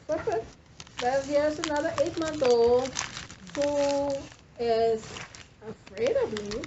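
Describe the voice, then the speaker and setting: A woman in her fifties giving a lively classroom lecture, quizzing her students as a nursing instructor. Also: high voice, takes it slowly. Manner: animated, questioning the class. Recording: dull lo-fi classroom recording with faint noise.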